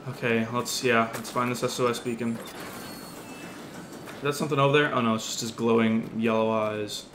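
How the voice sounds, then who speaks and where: A man doing let's play commentary on a horror game, excitable and jumpy, swearing often. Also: mid-range voice, moderate pace. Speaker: gaming video host. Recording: roomy with steady background noise.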